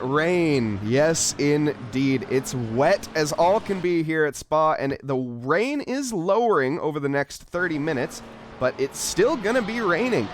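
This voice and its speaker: A man giving casual, animated play-by-play commentary on a live race. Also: fairly high pitch. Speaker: sim racing commentator. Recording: clear engine and car noise behind. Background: race car sounds.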